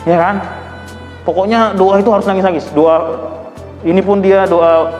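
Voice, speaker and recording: A male pastor preaching a sermon, talking in a lively, conversational way and playfully imitating people. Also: sits high, moderate pace. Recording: echoey hall, faint music.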